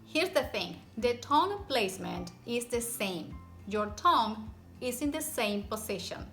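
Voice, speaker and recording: A woman gives an instructional pronunciation lesson in a bright, fairly high voice. She speaks at an unhurried pace, demonstrating rolled and tapped r sounds step by step, with faint music behind her. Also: very animated. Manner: encouraging, step-by-step, repeats example words slowly. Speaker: Spanish pronunciation teacher. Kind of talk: instructional language lesson to camera.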